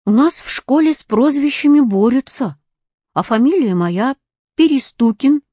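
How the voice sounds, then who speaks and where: A woman's voice: high-pitched, expressive, unhurried, dark tone, no echo, clean studio sound, pitched above the performer's own voice. A woman voicing a stubborn, cheeky modern schoolboy who answers back in a brash, mocking way.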